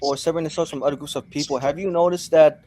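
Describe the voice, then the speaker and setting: A man's voice: a little high, steady tone, racing, warm tone, slight background noise. A man hosting a podcast panel, agreeable and stumbling over words, calling on others. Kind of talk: moderating podcast talk.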